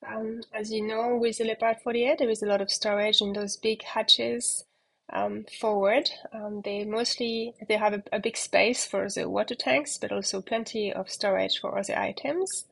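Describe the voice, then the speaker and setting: A woman in a middle register talks through a yacht tour outdoors on deck. She speaks easily and conversationally into a phone she carries as she walks, often pausing with ums and uhs. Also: medium pitch, gravelly, husky. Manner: relaxed, chatty, many fillers. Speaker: yacht broker giving a boat tour. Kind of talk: walking boat tour. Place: outdoors on a catamaran deck at anchor.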